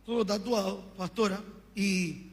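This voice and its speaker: A man's voice: high voice, steady tone, a little slow. A man with an Argentine accent preaching his testimony to a congregation, telling his story with fervor and acting out the dialogue. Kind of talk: testimony sermon. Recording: long reverb of a hall.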